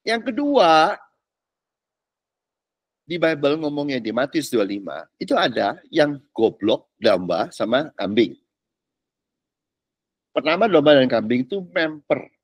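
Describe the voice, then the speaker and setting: Lively chatty Indonesian pastor. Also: male voice, fairly high pitch, a little slow, pauses often, no echo. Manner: chatty, slangy, asks listeners if they follow. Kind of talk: casual teaching sermon.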